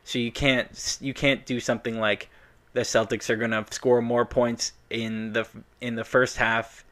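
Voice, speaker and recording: A man's voice: medium pitch, little pitch movement, normal speed, fairly bright tone. A man co-hosting a casual film chat, explaining things at length and chuckling. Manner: explains at length, chuckles, talks over his co-host. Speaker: podcast co-host.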